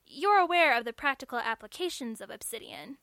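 A woman reading the part of a brisk female school registrar, stern yet wry, asking crisp, probing questions. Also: high voice, lively intonation, bright, forceful tone, no echo, full character voice.

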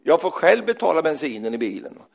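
A man preaching a sermon, animated, asking "va?" after his points and swinging from loud exclaims to quiet scripture reading. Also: fairly high pitch, gravelly. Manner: tag questions "va?" after points.

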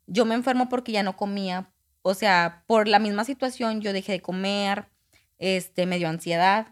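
A woman's voice: medium pitch, normal speed. A woman, a podcast guest candidly telling a personal story and acting out what people said. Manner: candid, acts out quoted dialogue.

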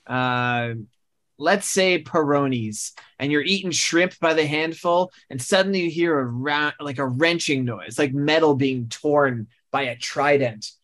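A man's voice: on the high side, measured pace, fairly bright tone. A male podcast host improvising a comic story, rambling and correcting himself as he goes. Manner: rambling, self-correcting, laughing at own jokes.

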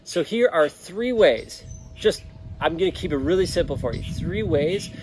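A man's voice: on the high side, expressive, moderate pace, darkish tone, faint music behind. A man hosting a motivational podcast in a casual, earnest, encouraging way, speaking outside in an open backyard. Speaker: host of a podcast and vlog show. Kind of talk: casual motivational talk to listeners. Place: outdoors in a backyard, open air. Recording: outdoor ambience with clear background noise. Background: birds, occasional traffic, some wind.

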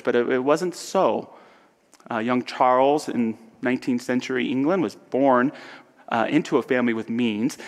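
Man with a mid-range voice, soft and earnest, giving a reflective spiritual talk in a long-reverb hall. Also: medium pitch. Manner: soft, earnest, drops to whispers. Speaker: speaker.

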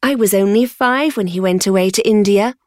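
A woman voicing a sweet, gentle young woman from a wealthy family, reading her lines in an eager, affectionate way. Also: medium pitch, brisk, no room sound, studio quality, close to an everyday voice.

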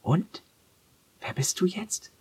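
A man's voice: on the low side, very animated, moderate pace, slightly rough, full character voice. A man voicing a spirited, curious little girl who speaks in an indignant, insistent way in a storybook reading.

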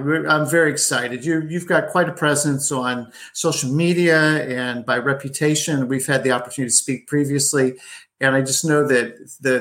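Man, interview host, upbeat, chatty, casual fillers, mid-pitched. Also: a bit bright. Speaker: podcast host. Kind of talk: conversational interview hosting.

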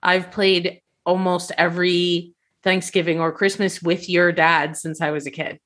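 A woman's voice: on the low side, flat delivery, a little slow, a bit bright. Chatty woman podcast co-host on a call, echoey cave-like room, laughs easily. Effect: cave-like echo. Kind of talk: casual podcast chat. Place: different location than usual, echoey room. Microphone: video call.

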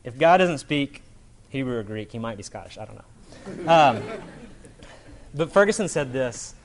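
A pastor with an animated, mid-range male voice preaches a little slowly. His sermon is informal and conversational, full of colloquial talk, and he keeps checking in with listeners by asking "right?"

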